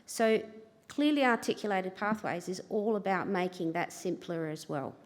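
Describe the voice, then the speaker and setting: An Australian woman who manages education for the government gives a chatty, self-deprecating conference presentation at a lectern microphone. Her voice is medium-pitched and moderately paced, and the livestream picks up the reverberation of a large convention hall.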